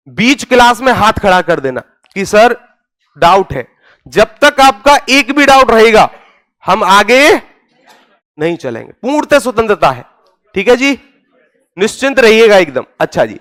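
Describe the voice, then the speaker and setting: A man teaching a Hindi grammar class, asking his students questions and answering them himself, with loud stresses on key words. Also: very high voice.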